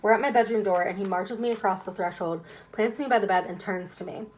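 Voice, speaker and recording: A woman's voice: medium pitch, quick pace, a little mellow, rough recording. A woman reading a children's novel aloud expressively, as first-person narration. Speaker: reader.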